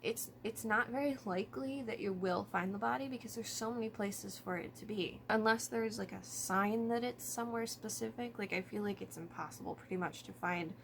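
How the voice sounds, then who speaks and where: A woman's voice: medium pitch, fairly quick, gravelly, hardly any pauses, fairly bright tone, a little hiss or hum. A woman talking informally to camera about true crime, thinking aloud and hedging as she goes. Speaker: vlogger.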